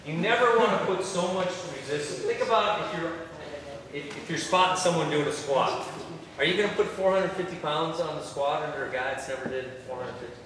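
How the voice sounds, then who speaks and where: Folksy coach echoing in a big hall. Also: male voice, fairly high pitch, a little fast. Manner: talkative, folksy, encouraging. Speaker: football coach running a drill clinic. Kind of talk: coaching demonstration to players and coaches. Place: large indoor training hall. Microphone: far from the mic. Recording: echoey hall recorded from far off. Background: crowd of players.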